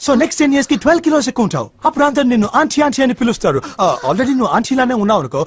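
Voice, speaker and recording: A man's voice: extremely high pitch, lively intonation, very fast, breathy edge, dry recording, exaggerated voice. An actor playing a rude, cocky young man who teases and insults his date in a dubbed film comedy, mixing in English. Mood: mocking. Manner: mocking, teasing, mixing in English.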